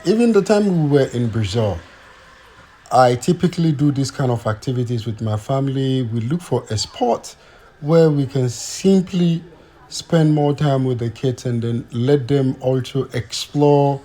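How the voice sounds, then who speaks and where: Outdoors, a vlogger from Ghana chats casually with his audience in a mellow, mid-range voice. He sounds hesitant, with many fillers and restarts.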